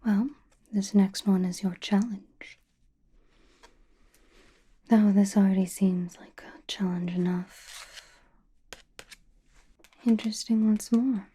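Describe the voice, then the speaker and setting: A woman playing a mysterious, powerful witch who reads tarot in an ASMR roleplay, whispering slowly in a calm, knowing, soothing way. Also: medium pitch. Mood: musing, gentle. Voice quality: breathy, whispered. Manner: slow, deliberate, soothing personal attention.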